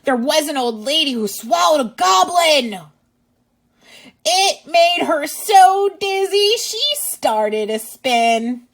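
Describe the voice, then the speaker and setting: A woman with a high, lively voice reads a storybook slowly to young children as their teacher and host. She uses exaggerated expression and adds asides to the listener.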